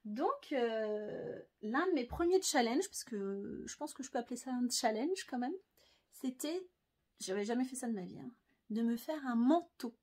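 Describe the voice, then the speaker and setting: A French woman with a somewhat high voice chats about her sewing projects at home. She is hesitant and full of fillers, yet friendly and easygoing. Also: lively intonation, normal speed, mellow. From France. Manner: chatty, hesitant, many fillers. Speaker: sewing vlogger. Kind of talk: casual sewing chat to camera.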